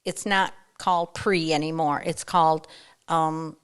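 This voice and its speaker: An older woman as a podcast guest, talking casually in a halting way, often trailing off and restarting. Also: deep voice, fairly even intonation, a bit bright, smooth. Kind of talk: casual interview chat.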